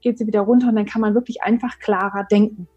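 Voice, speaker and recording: A woman hosting a relaxed podcast chat. her voice is a little husky and breathy. she asks questions and thinks out loud, restarting sentences and pausing on fillers as she goes. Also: medium pitch, highs cut off. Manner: hesitant, many fillers. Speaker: podcast host. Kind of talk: conversational interview.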